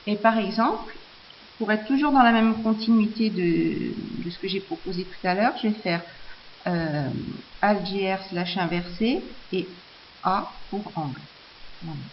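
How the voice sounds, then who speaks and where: A woman talks through a screencast tutorial at a mid pitch, pausing often on fillers and restarting her sentences. The recording sounds a little dull and lo-fi, with a faint hiss underneath. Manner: hesitant, many fillers and restarts.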